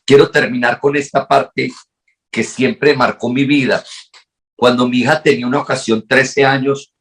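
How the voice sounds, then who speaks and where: A man's voice: mid-range voice, steady tone, moderate pace, a bit bright. A middle-aged man, a pastor preaching a sermon in a repetitive, rising cadence that swells into fervent appeals.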